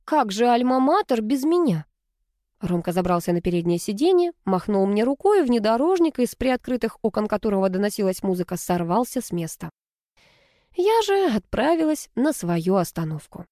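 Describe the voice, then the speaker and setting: A woman narrating a first-person novel as an audiobook, in a lively storytelling manner. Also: mid-range voice, moderate pace, no room sound, studio quality.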